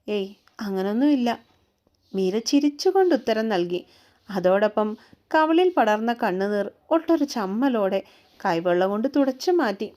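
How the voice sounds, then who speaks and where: A woman narrating a romantic story in a calm, unhurried way. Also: on the high side. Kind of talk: scripted narration.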